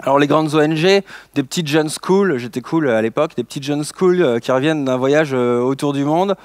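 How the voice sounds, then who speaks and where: A man's voice: fairly high pitch, brisk, no room sound. A man in his thirties from France telling a story in a conference talk, with many hesitations and restarts and playful asides to the audience. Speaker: social entrepreneur giving a conference talk.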